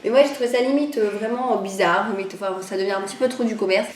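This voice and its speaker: A woman's voice: mid-range voice, fast talker, echoey room. A woman chatting casually in a vlog, a little nasal after a cold, rambling and hesitant with many fillers. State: recovering from a cold. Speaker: vlogger. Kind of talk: casual chat.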